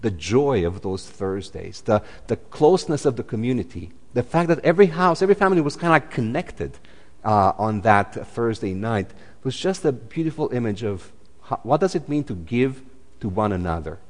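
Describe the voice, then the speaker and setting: A man's voice: mid-range voice, sing-song, moderate pace, long reverb tail. A man, preaching a sermon in a chatty way, full of fillers and restarts. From Romania. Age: 40s. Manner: conversational, many fillers and restarts. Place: church.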